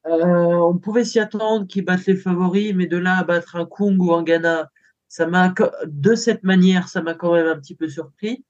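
A man's voice: high-pitched, steady tone. Man on a dull lo-fi remote line. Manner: halting, searching for words. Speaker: co-host pundit. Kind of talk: casual cycling analysis.

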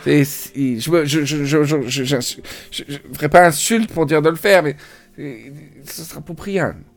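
A man hosting a podcast, chatting casually and telling an animated story, imitating how place names are pronounced. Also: a little high, a little slow. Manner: animated storytelling, mimics pronunciations. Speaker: podcast host. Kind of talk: casual chat.

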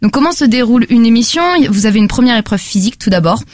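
High-pitched french woman chatting about a podcast she likes, lots of ums. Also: quick pace, dry recording, clean studio sound. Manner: chatty, animated, many fillers. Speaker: podcast reviewer. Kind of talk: casual podcast review.

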